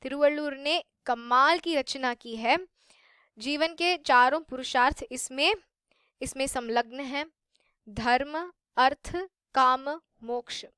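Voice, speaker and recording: A woman's voice: high-pitched, slow, sharp tone, dry recording, studio quality. A woman teaching a lesson, patiently repeating and rephrasing her points and mixing in English. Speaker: Sanskrit teacher. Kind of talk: explanatory lesson.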